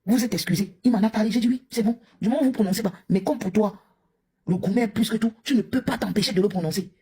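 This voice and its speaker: Woman streamer, very husky mellow voice, confrontational live rant. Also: medium pitch, quick pace. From Cameroon. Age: young adult to middle-aged, a mother. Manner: scolding, confrontational, addresses a rival directly.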